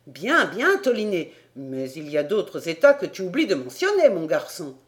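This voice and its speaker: A woman voicing an excitable middle-aged male French geographer who bursts into loud, fussy exclamations. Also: on the low side, normal speed. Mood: excited.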